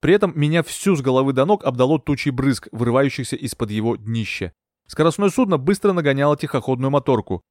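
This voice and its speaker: A man reading a thriller audiobook in steady, even storytelling narration. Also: mid-range voice, fast, dry recording, clean studio sound. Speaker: audiobook reader. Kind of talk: scripted narration.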